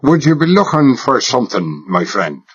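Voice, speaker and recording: A man voicing a stocky middle-aged Irish foreman with a deep, rough, no-nonsense voice and a blunt, suspicious way of asking questions, on a dull lo-fi recording. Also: very animated, moderate pace.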